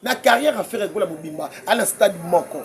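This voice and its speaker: A man, debating music as a guest commentator, excitable and quick to laugh, often repeating his words. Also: sits high. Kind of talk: heated casual debate.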